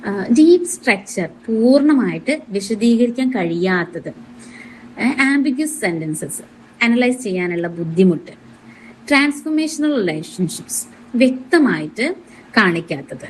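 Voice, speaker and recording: A woman teacher, reading exam answers in measured English and then explaining them rapidly in Malayalam. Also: mid-range voice, big pitch swings, slight background noise, rough recording. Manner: reads English answers slowly and deliberately, explains in quick Malayalam.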